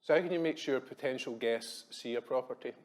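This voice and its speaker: Glaswegian man, thirties, conference talk, quick and chatty, self-deprecating, frequent ums. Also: medium pitch. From Scotland. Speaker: conference speaker. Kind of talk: business presentation. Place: hotel conference room.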